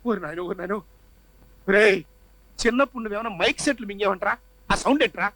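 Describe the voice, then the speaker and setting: A man's voice: high voice, fast, pushed and bright, rough recording. An actor playing a fussy, theatrical rich father who dotes on his daughter. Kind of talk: Telugu film comedy acting.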